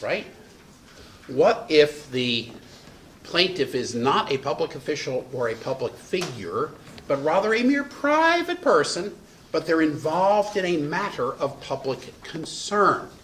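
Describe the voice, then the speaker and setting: A man teaching a law lecture for bar exam prep, acting out examples with sudden dramatic jumps in pitch. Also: fairly bright tone, slight background noise.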